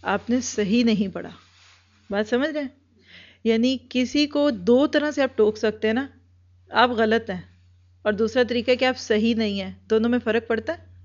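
A woman's voice: fairly high pitch, fairly even intonation. A woman in an earnest instructional talk, training group leaders and driving points home with repeated everyday examples. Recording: dull lo-fi recording.

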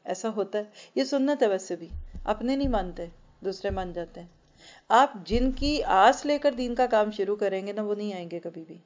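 A woman giving a Quran lesson to women, explaining earnestly with rhetorical questions and slowing right down to recite verses. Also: medium pitch, expressive. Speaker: Quran teacher. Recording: dull lo-fi recording.

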